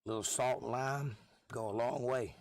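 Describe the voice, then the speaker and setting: A middle-aged musician hosting a live stream chats with his viewers in a laid-back, folksy manner at a moderate pace. He's losing his voice, so it sounds hoarse and worn at a mid pitch, and the sound is dry with no room around it.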